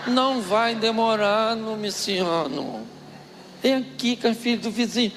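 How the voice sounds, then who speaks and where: A man voicing a wise older aunt who gently sweet-talks her stern husband. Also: extremely high pitch, big-room sound, noisy background. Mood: coaxing sweetly. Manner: soft, slow, coaxing.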